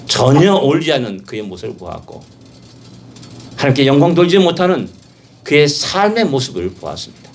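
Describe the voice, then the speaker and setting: A male pastor preaches emphatically at medium pitch, using rhetorical questions and repeated phrases. He moves between soft passages and loud exhortation, with slight background noise behind him.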